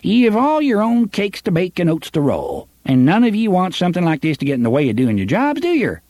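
A man's voice: high voice, huge pitch swings, fairly quick, darkish tone, no echo, pitched above the performer's own voice. A man voicing a pudgy, blustering small-town sheriff who coaxes in a rustic drawl. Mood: coaxing. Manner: wheedling, rustic dialect.

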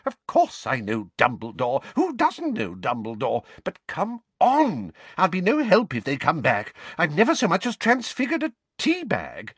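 A man doing Mrs Figg, a shrill batty old woman. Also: wildly swooping pitch, measured pace, few pauses, a bit bright, slightly rough, no room sound, exaggerated voice. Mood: flustered. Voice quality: shrill, shrieking. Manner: fussy, breathless scolding. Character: batty old woman neighbour, frantic and scolding.

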